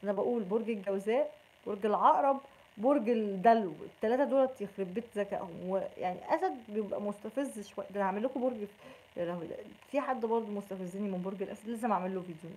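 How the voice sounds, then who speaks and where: A woman with an Egyptian accent talking straight to camera in a jokey, animated monologue, acting out quoted friends as she goes. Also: medium pitch, slight background noise, rough recording. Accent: Egyptian Arabic. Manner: rapid, jokey, acts out quoted friends in bursts. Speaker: YouTube vlogger.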